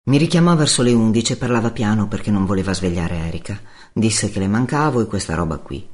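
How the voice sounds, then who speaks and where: A male narrator reads a first-person novel aloud, his voice moving up and down in lively swings. He tells it wryly and laconically, with dry understatement. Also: lowish voice, fast. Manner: wry, laconic storytelling.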